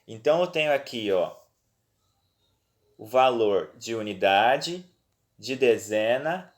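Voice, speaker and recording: A man with a Brazilian accent talks pupils through their worksheets, one exercise at a time. He sounds patient and reassuring, keeps checking that they are following, and his voice sits at an ordinary middle pitch. It is recorded on a phone indoors at home. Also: animated, slow. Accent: Brazilian Portuguese. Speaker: teacher. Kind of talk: remote lesson walking through worksheets.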